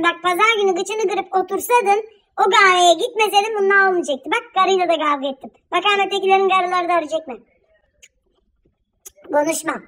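A gossipy elderly village auntie, played for laughs by a performer, chatters and scolds down the phone. Her voice sits extremely high and shrill. She nags and bickers without letting up, in a one-sided phone call comedy sketch. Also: bright, forceful tone. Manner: scolding, quarrelsome, rapid gossiping. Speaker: comic character.

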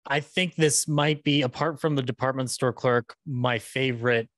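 A chatty podcast host in his thirties stumbles over his phrasing while hosting a casual interview on a video call from a small indoor room. His mid-range, slightly bright voice, with fairly even intonation at a normal speed, comes through a close podcast microphone on a boom arm with no room sound.

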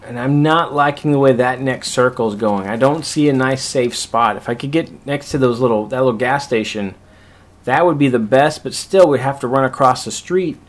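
A man with an ordinary mid-range voice talks through recorded gameplay in a relaxed, casual tone. He explains each move step by step, like a host walking his squad through a past match. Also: mid-range voice, moderate pace.

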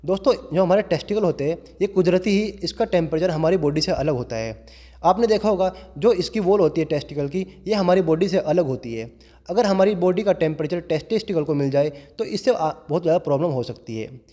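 Young man, fitness explainer vlog, somewhat high voice, earnest, reverb of a big gym hall. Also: expressive, fairly quick, warm tone. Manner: earnest, explanatory, addresses viewers as friends. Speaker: fitness YouTuber, gym owner. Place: large indoor gym. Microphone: clip-on lapel mic held in hand.

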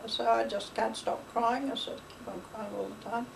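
An older woman recalls the past in a chatty, wandering way, voicing every bit of remembered dialogue. Her voice sits a little high with a gravelly crackle. She is heard from a distant mic over a faint hiss. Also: steady tone, brisk. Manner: rambling, chatty, retells dialogue, laughs. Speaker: interviewee. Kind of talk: oral history storytelling.

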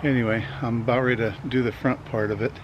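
A man in his sixties talks casually and plainly to the camera in a suburban front yard, filming himself as an amateur with a self-deprecating manner. His medium-pitched voice is flat and fast. The camera mic sits at varying distances, so the audio is dull, with clear outdoor ambient noise.

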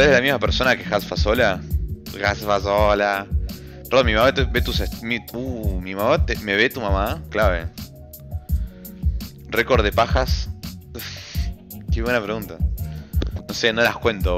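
A young man with an Argentine accent, a streamer chatting casually with his chat, slangy and rambling, swearing often. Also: on the low side. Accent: Argentine Spanish. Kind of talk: casual chat reading a live chat. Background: background music.

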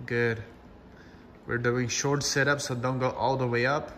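Bright-voiced, unhurried male workout instructor. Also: mid-range voice, level tone, big-room sound, slight background noise. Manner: encouraging, short commanding cues. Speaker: fitness class instructor. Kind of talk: instructing a home workout class with cues and countdowns.

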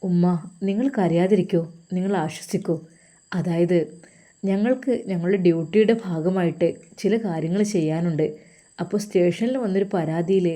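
A woman's voice: fairly low pitch, dark tone, natural voice. A woman voicing a polite, dutiful male police officer explaining his orders in an audio story. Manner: formal, explaining.

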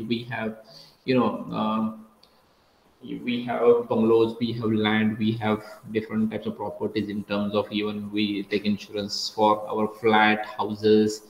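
A man's voice: lowish voice, slight background noise. Male lecturer in an online class heard through a screen recording, methodical and self-correcting, muffled roomy sound. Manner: methodical, repeats and corrects himself. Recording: dull, echoey screen-recorded call audio.

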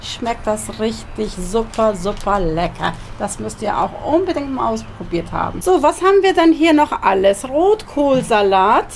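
A woman's voice: a little high, lively intonation, measured pace, gravelly, few pauses, a little hiss or hum. A woman in her thirties with a Turkish accent, chatting through a home cooking vlog and explaining each step as she goes. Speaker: cooking channel host. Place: home kitchen and garden barbecue.

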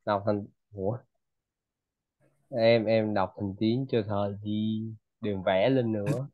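A man's voice: fairly low pitch, steady tone, slow pace, no room sound, narrow, tinny audio. A man with a Vietnamese accent tutoring a student in English pronunciation, patiently repeating words. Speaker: English teacher.

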